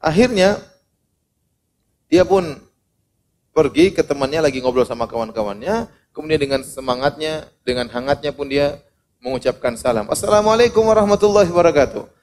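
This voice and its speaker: A man's voice: mid-range voice, normal speed, pauses often, slight background noise. A man preaching an Islamic sermon with humorous storytelling, acting out the voices of the people in his stories. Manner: animated, humorous, acts out quoted voices.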